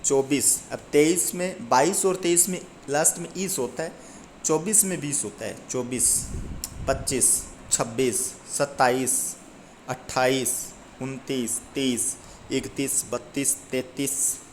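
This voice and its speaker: A man's voice: mid-range voice, slow pace, slight background noise. A man teaching a Hindi grammar lesson to exam students, explaining step by step, asking and answering his own questions and reading out lists of number words.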